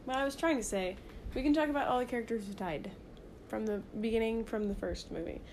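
A woman's voice: fairly high pitch, fast, darkish tone, slight background noise, low-quality recording. A young woman in casual chat, teasing and giggly, often cutting in.

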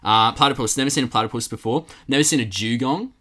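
A man's voice: mid-range voice, quick pace, sharp tone. A man with an Australian accent co-hosting a church leaders podcast, chatting casually and teasing his co-host. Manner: playful, teasing banter.

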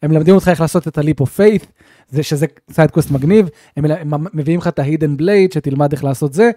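A man co-hosting a casual gaming podcast, telling game stories with animated, acted-out bits. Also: fairly high pitch, no echo. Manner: animated storyteller, acts out scenes. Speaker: podcast co-host.

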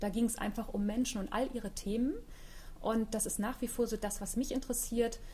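A woman's voice: on the high side, steady tone, a little fast, warm tone, slight background noise. A middle-aged woman author chatting reflectively in an interview, with frequent fillers. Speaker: author guest. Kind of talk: casual interview talk.

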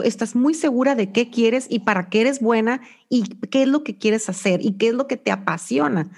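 A woman with a Mexican accent hosting an interview, speaking warmly and reflectively about following one's heart. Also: fairly high pitch. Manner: warm, reflective, talks of intuition and the heart. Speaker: interview host.

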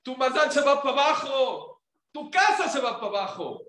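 A man giving a sermon as a rabbi, lively, firing rhetorical questions at his listeners. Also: extremely high pitch, normal speed. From Mexico. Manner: animated, rhetorical questions to the audience. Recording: echoey room.

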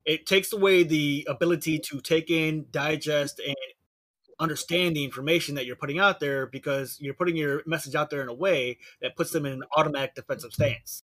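A man on a podcast panel, speaking in a measured, reasoned and analytical way. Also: a little high, steady tone, fairly bright tone. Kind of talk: casual discussion.

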